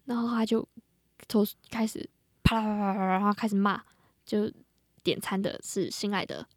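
A young adult woman with a Taiwanese Mandarin accent, chatting casually and telling things in an animated, colloquial way. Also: medium pitch, normal speed, no room sound, studio quality. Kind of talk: casual chat.

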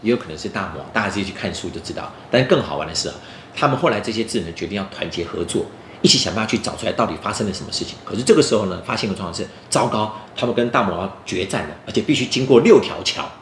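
A man with a Taiwanese Mandarin accent talks very quickly and animatedly to young children, playfully teaching through questions. He hosts a book talk in a roomy, echoing space with a little background noise. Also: lowish voice, lively intonation, fairly bright tone. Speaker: children's story show host.

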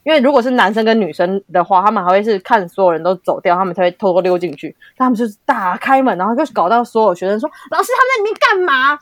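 A young adult woman chatting casually about her cram school days, quick to react and laugh. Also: mid-range voice, no echo, studio quality. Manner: reactive, frequent laughs and gasped interjections. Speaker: podcast host, former cram school staff. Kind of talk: casual chat.

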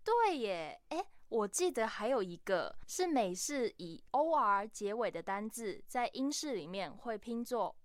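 A young woman co-hosts a radio chat in a slightly high voice. She explains each point and spells out examples, recorded dry and close in a studio. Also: very animated, measured pace, few pauses, no room sound. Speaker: radio co-host.

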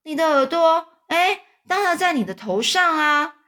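A woman's voice: high voice, lively intonation, measured pace, fairly bright tone, pitched above the performer's own voice. A woman voicing a curious young boy who asks eager, wide-eyed questions in a children's storybook.

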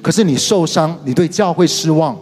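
A middle-aged man with a Taiwanese Mandarin accent preaching a sermon, telling stories animatedly with sudden leaps in pitch. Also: fairly quick. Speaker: pastor and worship leader. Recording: reverberant hall with soft music behind.

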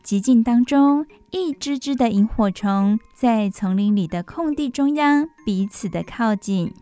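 A woman radio host reading a bedtime story for children, expressive, with asides to listeners. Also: a little high, measured pace, no room sound, faint music behind. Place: radio studio.

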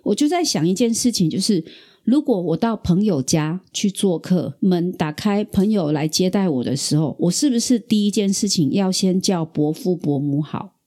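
A middle-aged woman from Taiwan hosting a podcast, telling a personal story in a lively, chatty way. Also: fairly low pitch, normal speed. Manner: animated storyteller, acts out quoted voices. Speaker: podcast host. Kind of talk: casual storytelling.

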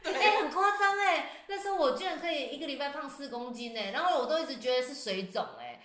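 Animated woman telling stories. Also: high-pitched, quick pace. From Taiwan. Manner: animated storyteller who acts out what others said. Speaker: guest. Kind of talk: casual podcast chat. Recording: roomy echo.

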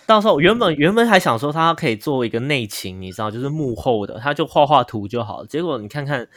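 A man's voice: medium pitch, lively intonation, fast talker, fairly bright tone, no echo, studio quality. A young man with a Taiwanese Mandarin accent hosting a casual podcast chat, playful and teasing as he banters with his co-hosts. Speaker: podcast host and counselor.

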